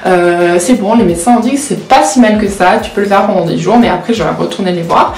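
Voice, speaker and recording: Fast-talking and mid-range, with a slightly mellow sound, this 19-year-old vlogger chats openly in a casual confessional style. She's a law student, a native Portuguese speaker, who often hesitates and makes fun of herself. The room sounds echoey, with slight background noise.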